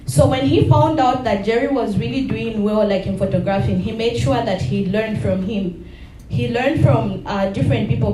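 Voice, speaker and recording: A woman from Zambia giving a soft-spoken, hesitant personal testimony at an event. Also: on the high side, a little hiss or hum. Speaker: guest speaker. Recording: roomy sound from a distant mic.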